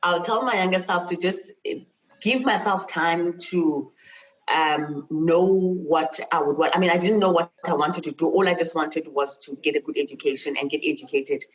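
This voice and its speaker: Guesting in an interview, this middle-aged South African university chemist and lecturer talks at a normal speed in a fairly low voice over lo-fi audio. She's reflective and personal, earnest and emphatic, stressing points by repeating phrases.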